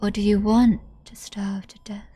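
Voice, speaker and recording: A woman's voice: medium pitch, level tone, moderate pace, mellow, breathy edge, dry recording, lightly acted. Woman doing a sneering cruel young woman. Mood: gleeful. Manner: taunting, sneering, laughing. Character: cruel mocking young woman, gleefully sadistic. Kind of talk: reading a visual novel aloud.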